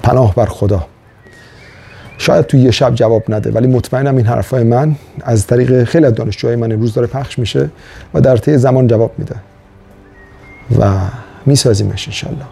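A middle-aged man from Iran delivers a motivational video monologue with a gravelly, husky voice. His tone is dark and earnest as he urges his students on, weaving stories into his talk. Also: mid-range voice, pauses often. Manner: earnest, exhorting, storytelling. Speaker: motivational speaker and professor.

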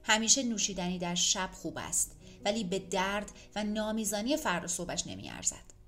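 A woman narrating an audiobook in an even, measured reading. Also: mid-range voice, faint music behind.

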